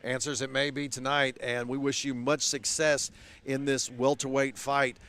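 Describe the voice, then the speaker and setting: A man's voice: mid-range voice, little pitch movement, normal speed, fairly bright tone. A man working as a fight night interviewer, talking in a wordy, hesitant way full of uhs before a bout. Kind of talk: pre-fight sports interview.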